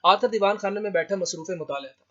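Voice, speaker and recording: A man teaching an English lesson, reading English sentences aloud and translating them line by line. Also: sits high. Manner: explains slowly, reads English lines aloud then translates. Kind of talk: lecture with translation. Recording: dull lo-fi sound.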